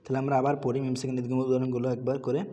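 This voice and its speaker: A man's voice: medium pitch, monotone, rapid-fire, warm tone, long reverb tail. A man teaching Quran recitation, patiently spelling out letters and vowel marks and repeating each word before reciting it.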